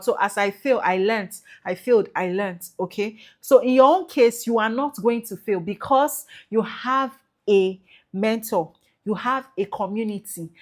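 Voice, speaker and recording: A Nigerian woman, an export business trainer, giving an emphatic promotional talk and checking in with "okay?" and "right?" as she goes. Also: medium pitch. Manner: emphatic, repeats tag questions like okay and right; mixes in Nigerian Pidgin phrases. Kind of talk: promotional talk to prospective students.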